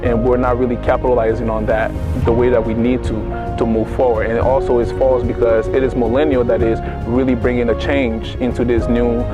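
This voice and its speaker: A young man from Liberia answers interview questions as a nonprofit founder. He speaks in a measured, reflective way and sometimes restarts his sentences. Music is clearly audible behind him. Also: medium pitch, level tone. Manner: measured, thoughtful, some restarts.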